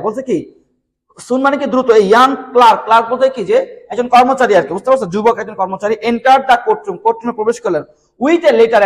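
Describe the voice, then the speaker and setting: A man with a Bangladeshi accent teaching an English lesson, reading each line slowly and then explaining it at length with questions to his students. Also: high voice, poor audio.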